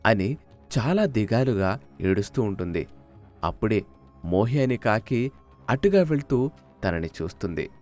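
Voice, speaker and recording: A man narrating a children's cartoon story in an expressive storytelling manner. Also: on the low side, a little slow, long pauses, faint music behind.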